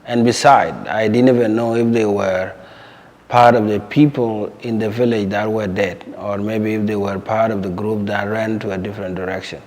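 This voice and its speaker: A young man from Sudan, recounting his life story in a measured, plain way and often pausing to repeat words. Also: fairly low pitch, steady tone, a little mellow. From South Sudan. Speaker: interviewee. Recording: long hall reverb.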